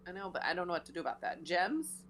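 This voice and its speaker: A woman's voice: on the low side, sing-song, fast, fairly bright tone, slight background noise. A woman playing a tabletop game over a voice call whose audio keeps cutting out, making short, apologetic remarks. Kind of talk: casual play over a voice call. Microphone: online voice call.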